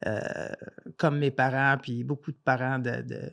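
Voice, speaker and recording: A man with a Québécois accent, a podcast guest talking in a relaxed, hesitant way with many fillers. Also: medium pitch, normal speed, vocal fry. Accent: Québécois French. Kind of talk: casual podcast interview.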